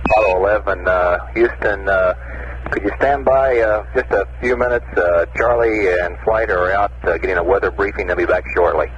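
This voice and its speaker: Man on a crackling mission radio link. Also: deep voice. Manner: halting, many "uh" fillers. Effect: air-ground radio link with static. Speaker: assistant flight director on the capsule radio. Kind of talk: mission control radio exchange. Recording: muffled radio link with heavy static.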